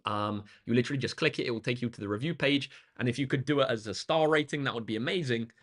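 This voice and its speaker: Talking quickly in a mid-range, fairly bright voice, a man tutoring maths on a livestream speaks casually to his viewers. He addresses them directly and thanks them, his voice a bit croaky and tired.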